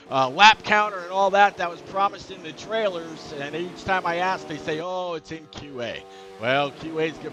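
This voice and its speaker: A man's voice: fairly high pitch, sharp tone. A man commentating a sim racing league, chatty and digressive with many fillers. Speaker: race commentator.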